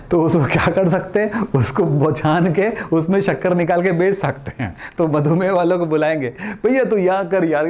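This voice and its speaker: A man's voice: fairly high pitch, darkish tone. A middle-aged man teaching a chemistry lesson in a chatty way, asking and answering his own questions and using everyday examples. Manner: colloquial, calls students beta, jokes. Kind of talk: chatty classroom lecture.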